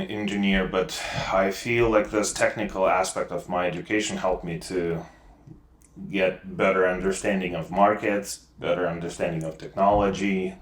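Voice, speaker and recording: A middle-aged man speaks with a Ukrainian accent in a very low voice. He talks haltingly, full of fillers and restarts. The recording carries an echoey room sound. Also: slight background noise. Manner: hesitant, many fillers and restarts. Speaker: guest. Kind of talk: casual interview.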